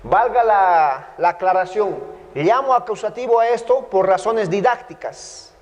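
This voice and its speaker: A man's voice: high-pitched, measured pace, big-room sound. A man with a Bolivian Spanish accent teaching a biblical Greek grammar class, patiently repeating points and checking that students follow.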